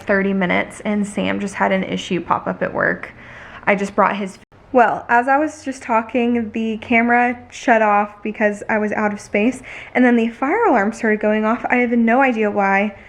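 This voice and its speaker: A young adult woman vlogging casually, telling stories in a chatty, animated way full of "like". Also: mid-range voice. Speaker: lifestyle vlogger. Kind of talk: casual vlog chat and storytelling.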